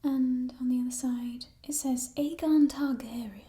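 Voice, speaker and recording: A woman in a whispered role-play as a playful, chatty thief, musing hesitantly in a burglar's hushed whisper over stolen treasure. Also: high-pitched, fairly even intonation, a little slow. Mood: curious, sly. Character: playful, chatty female thief showing off stolen coins in a fantasy world.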